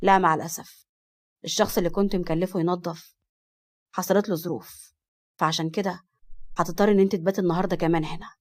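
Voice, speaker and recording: A woman's voice: lowish voice, steady tone, quick pace, pauses often, natural voice. Woman doing a cocky young Egyptian man. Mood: persuasive. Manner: teasing, dramatic complaining.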